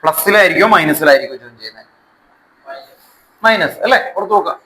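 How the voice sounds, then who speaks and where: A man's voice: fairly high pitch, lively intonation, fast talker, a crowd in the background, low-quality recording. A man with a Malayali accent teaching a school lesson step by step, mixing Malayalam with English technical terms and repeating key words with check questions. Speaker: chemistry teacher.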